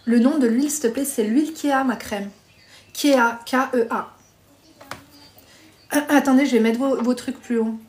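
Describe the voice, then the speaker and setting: Woman live streaming, blunt and chatty, fairly high voice, dating advice, phone mic. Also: steady tone, moderate pace, pauses often, darkish tone, slight background noise. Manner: chatty, blunt, calls viewers pet names. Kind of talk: casual live chat reading viewer comments.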